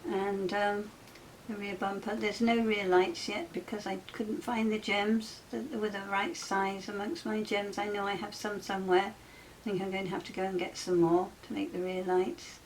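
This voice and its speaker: A woman hosting a casual crafting tutorial, soft-spoken and chatty with frequent ums, often dropping to a near whisper while she works. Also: medium pitch, flat delivery, normal speed, few pauses, slight background noise, poor audio.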